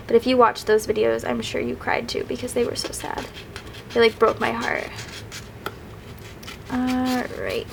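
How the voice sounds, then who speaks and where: With a highish voice and some vocal fry, a young planner vlogger chats in a slightly rambling way while working on her planner, her voice sniffly from crying. A little hiss or hum runs under this casual craft chat.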